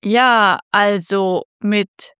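A woman's voice: medium pitch, steady tone, extremely slow, a bit bright, clear, resonant tone, no echo, studio quality. A woman voicing a hesitant factory worker. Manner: hesitant, trailing off. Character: worried young female factory worker.

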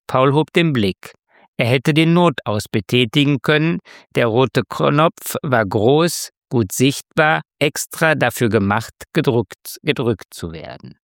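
A man narrating a story in a measured, expressive way. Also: a little high, creaky, dry recording, studio quality. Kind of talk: scripted narration.

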